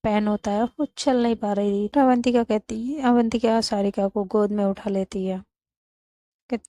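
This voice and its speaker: A woman hosting her own channel, retelling a romantic story in a chatty, animated way. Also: mid-range voice, normal speed, no room sound.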